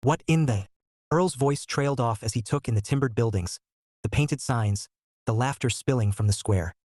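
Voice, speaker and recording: A man reading a romantic story aloud in a steady, measured narration. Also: mid-range voice, no room sound.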